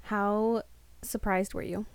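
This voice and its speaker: Woman podcast co-host, casual and chatty, mid-pitched voice, lots of fillers. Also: level tone, slow pace, smooth. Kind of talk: casual chat.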